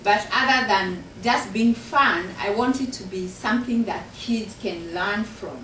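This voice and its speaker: Speaking a little slowly in a fairly bright, mid-range voice, a Kenyan-accented woman who writes and teaches discusses her book with sincerity before a university function room audience. She was captured from a distance in an echoey space with some faint noise behind her.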